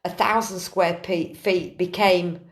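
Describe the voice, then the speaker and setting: A woman hosting a casual live-stream chat from her kitchen, ranting in an animated, earthy way. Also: lowish voice, slow. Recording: roomy echo.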